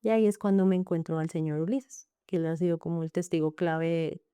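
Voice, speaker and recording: A woman's voice: fairly low pitch, fairly quick, mellow, smooth, no room sound. A woman with a Colombian accent earnestly recounting her own story in an interview, speaking in long run-on sentences and often quoting what others said. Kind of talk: emotional personal testimony in an interview.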